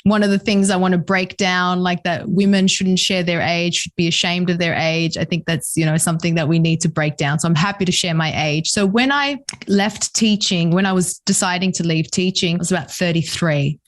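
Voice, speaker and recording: A woman in her forties talks through her career in a relaxed interview. Her voice sits a little low, and she speaks candidly and reflectively, with easy laughs between thoughts. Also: brisk, few pauses. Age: 40s. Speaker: guest entrepreneur. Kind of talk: casual interview conversation.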